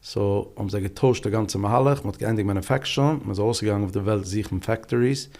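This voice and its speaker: This podcast guest is a calm, low-voiced Englishman in his 40s and a business leader. In relaxed interview storytelling he stays unhurried and mixes languages freely.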